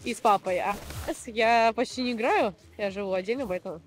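A woman's voice: a little high, a little fast. A young woman chatting casually in an interview into a handheld microphone at an outdoor rink. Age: young adult. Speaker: player being interviewed. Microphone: handheld reporter microphone.

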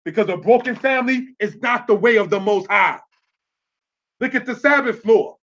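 A man's voice: high voice, normal speed, a bit bright, dull audio. A man giving a religious teaching in a preachy, streetwise way, often checking with "you understand?".

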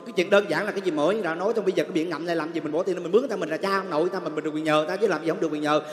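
A man playing a loud, argumentative young male servant in a stage comedy sketch. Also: fairly high pitch, fairly even intonation, very fast, close to an everyday voice. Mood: arguing. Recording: echoey hall with loud music.

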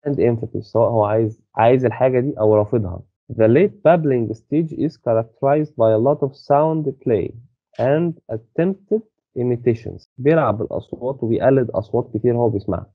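A university lecturer with an Egyptian Arabic accent and a medium-pitched voice explains a textbook to one student, mixing Arabic and English. He reads slowly, then speeds up to explain, often stalling on a word and restarting hesitantly while checking that the student understands. The audio is dry, thin, and phone-like, with no room echo.

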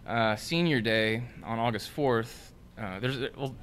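A young man in his twenties chatting at a desk microphone in a newsroom, halting and searching for words with many ums. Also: medium pitch, fairly bright tone, clean tone. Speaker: features intern, guest. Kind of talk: casual newsroom chat. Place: newsroom studio.

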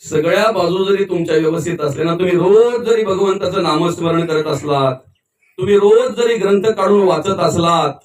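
Preacher guy, high voice, kinda far from the mic, echoey, storytelling sermon that bursts into shouts. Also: normal speed. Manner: storytelling, acting out quoted voices, shouting at peaks. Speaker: kirtan preacher. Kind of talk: devotional sermon. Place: memorial gathering. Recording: echoey, from a distance.

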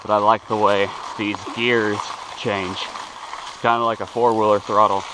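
Captured by an action camera on his handlebars, a young man rambles casually while cycling outdoors through a wooded yard, often stumbling over words. He speaks in a lowish, level tone at a moderate pace against a noisy background.

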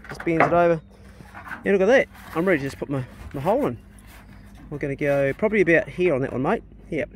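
A man's voice: fairly high pitch, lively intonation, fast talker, noisy background. A man with a broad New Zealand accent chatting casually for a DIY vlog in a blokey, matey way, recorded outdoors on a handheld phone. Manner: blokey, matey, laid-back swearing. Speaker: vlogger. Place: outdoors on a rural property.

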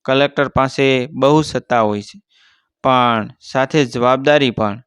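A man's voice: mid-range voice, measured pace, a bit bright, smooth, dry recording, studio quality, lightly acted. A man voicing a kindly village schoolteacher who patiently explains things to a pupil.

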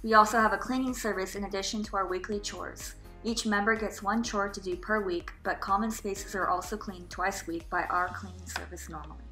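Bright-voiced young woman narrating. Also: medium pitch, fairly even intonation, a little fast, few pauses, faint music behind. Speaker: house tour narrator. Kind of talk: scripted narration.

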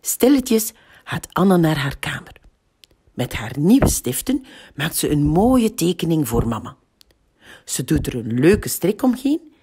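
Flemish woman, library storyteller: slow, husky, very expressive children's reading. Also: low voice. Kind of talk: reading a picture book aloud to children.

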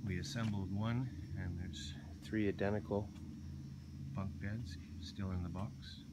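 A man's voice: fairly low pitch, fairly even intonation. A man walking through an auction warehouse with a phone camera, calling out the items one after another in a plain listing manner. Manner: slow, list-like item calling. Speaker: auction house staff. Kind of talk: walkthrough preview tour. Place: large indoor warehouse showroom. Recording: loud background noise.

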